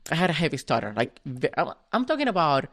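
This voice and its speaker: A man's voice: a little high, very animated, fast talker, fairly bright tone. Man telling his story. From Venezuela. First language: Spanish. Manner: frequent restarts and repeated words. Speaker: podcast guest. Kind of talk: casual reflective storytelling.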